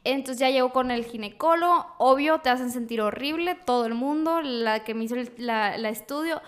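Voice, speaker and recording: Young Mexican woman, high voice, lively guest storyteller who acts out quotes. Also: moderate pace. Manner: animated, acts out quoted voices, breaks into laughs. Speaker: podcast guest. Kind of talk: casual storytelling chat.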